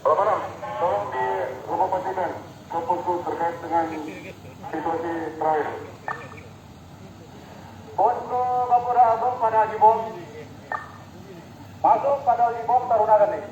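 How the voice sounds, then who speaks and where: High-voiced police radio caller. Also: male voice, fairly even intonation, moderate pace, pauses often, darkish tone, a little hiss or hum. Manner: clipped radio call-signs and codes. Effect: police two-way radio. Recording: dull lo-fi, heavy echo.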